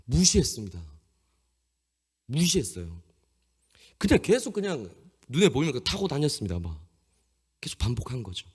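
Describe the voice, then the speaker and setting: A man's voice: medium pitch, wildly swooping pitch, brisk, breathy edge. A man in his thirties preaching to a youth congregation, telling a story about himself with humor and self-mockery. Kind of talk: sermon with a personal story. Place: church sanctuary. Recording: long reverb in a church hall.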